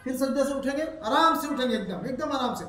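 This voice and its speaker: A man teaching step by step how to pray, repeating points, asking his student questions, and chanting the prayers slowly. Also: extremely high pitch, lively intonation, bright, forceful tone. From India. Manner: slow melodic chanting of prayers. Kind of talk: step-by-step prayer lesson with recitation. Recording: echoey room, voice from far off.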